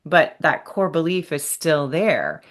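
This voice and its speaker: A podcast host in her fifties conducts a conversational interview, speaking candidly with a chatty, self-deprecating manner. Her voice is low and slow but very animated.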